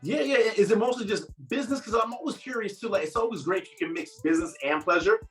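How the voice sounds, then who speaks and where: A man at home in northern New Jersey interviews a guest over a call in a casual, rambling way, full of fillers and eager asides. His voice sits high and fairly bright, and he talks fast. Soft music plays in the background.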